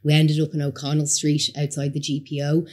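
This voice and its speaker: Low-pitched and dark, this Somali-born woman in her thirties with a Dublin accent delivers her words briskly and completely flat. As a guest entrepreneur in a relaxed interview, she recounts her life story. Her storytelling is chatty and candid.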